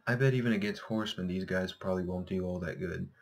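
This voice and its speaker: A man's voice: low voice, fast. A man with a slightly scratchy, sore-throated voice commentating casually on a game, thinking aloud and correcting himself. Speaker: gameplay host.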